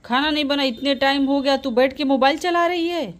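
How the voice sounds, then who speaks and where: A woman's voice: fairly high pitch, measured pace, lightly acted. A woman voicing a harsh village mother who scolds her daughters and dotes on her son, nagging and insulting them. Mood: scolding.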